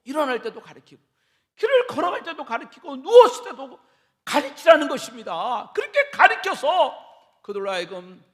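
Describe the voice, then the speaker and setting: A middle-aged man preaching an impassioned sermon in a church, repeating phrases and building up to shouts. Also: high voice. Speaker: pastor. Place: church sanctuary.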